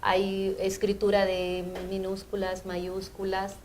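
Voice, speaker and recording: A woman's voice: medium pitch, completely flat delivery, a little mellow, a little hiss or hum, poor audio. Woman teacher explaining grammar. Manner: measured, explanatory, often asks "¿verdad?". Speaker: language teacher. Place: TV studio.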